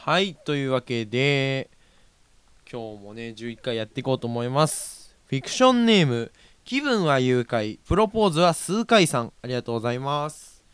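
A young man chats through his solo talk show in a loose, rambling way, often stopping to correct himself. His voice is smooth and lively, rising and falling a lot. The sound is dry and close. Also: mid-range voice, fairly quick, no room sound. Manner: chatty, rambling, self-correcting, laughs often. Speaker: podcast host. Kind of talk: casual solo radio-style talk.

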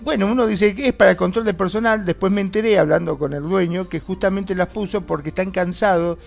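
A man speaking in a casual group discussion, relaxed and pausing on filler words. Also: high voice, gravelly, soft background music. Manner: relaxed, uses filler words while he searches for the right term. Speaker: discussion participant.

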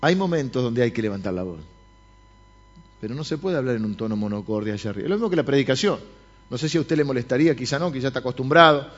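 Here a man with a Rioplatense Spanish accent delivers a sermon as pastor of a church service, directly addressing the congregation. His medium-pitched voice is animated and fast, captured with lo-fi sound.

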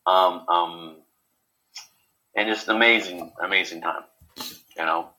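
A man in a casual interview, talking haltingly with many repeated words and fillers. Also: low voice, steady tone, pushed and bright, rough recording. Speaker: guest.

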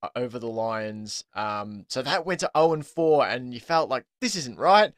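An Australian man hosting a casual sports podcast, chatty and quick to laugh, with plenty of ums. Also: mid-range voice, fairly even intonation, no echo, studio quality. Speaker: podcast host.

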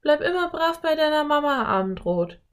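Woman doing an excitable brave little girl. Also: high-pitched, normal speed, pitched above the performer's own voice. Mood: eager. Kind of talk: audiobook character voice.

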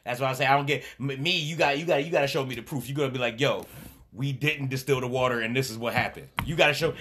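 A man co-hosting a casual podcast chat, telling stories in relaxed, profane slang. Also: mid-range voice, fast, a little hiss or hum. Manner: laid-back storytelling, profane slang. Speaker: podcast co-host.

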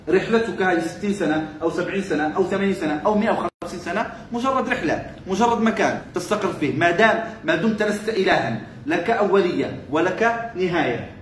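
A man teaching a religious text as a sheikh, mixing formal speech with colloquial asides and keeping his audience engaged with rhetorical questions and repeated phrases. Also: high-pitched. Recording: roomy echo with faint background noise.

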